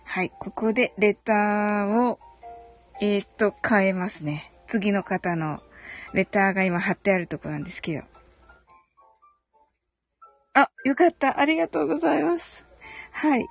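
Woman host, mid pitch, polite and gentle, careful slow English reading, faint music under. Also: expressive, vocal fry. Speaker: host explaining English song lyrics. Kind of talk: casual audio broadcast rehearsal.

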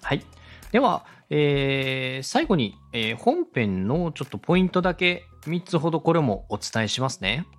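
Here a man with a rather high voice speaks at a moderate pace, very animated and courteous. He's a podcast host and radio director teaching how to make podcasts, walking through it step by step as faint music plays underneath.

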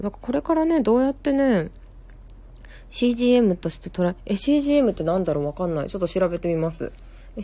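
A young woman with a Kansai accent chats through a casual live stream. Her voice sits on the low side and sounds warm and mellow. She talks in a rambling way, with plenty of fillers and quick self-corrections. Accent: Kansai Japanese. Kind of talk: casual live-stream chat reading viewer comments.

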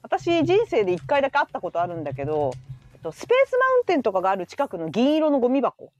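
Animated, fast-talking woman host. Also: on the high side, soft background music. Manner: excited storyteller, laughs often, mimics Kansai lines. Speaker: radio show host. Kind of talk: casual chat on a live stream.

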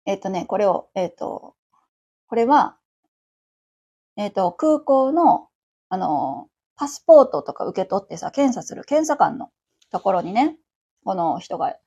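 A woman's voice: medium pitch, sing-song, unhurried, pauses often, mellow, breathy edge, muffled recording. A woman around forty with a Kansai accent, chatting on her own as host of a livestream radio show, rambling along with many fillers. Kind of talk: casual solo chat.

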